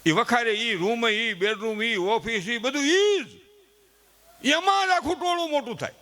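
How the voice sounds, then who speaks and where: A middle-aged man with a very high, bright, forceful voice delivers a chatty, folksy comedy monologue on a live stage, animated but a little slow. He talks straight to the audience and acts out quoted family members.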